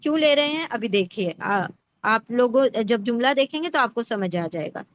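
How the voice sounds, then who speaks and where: This woman's voice sits a little high and sounds animated, with a faint hiss or hum in the background. She walks through the Quran word by word, splitting words into pieces and frequently asking rhetorical questions to check in during her patient lesson.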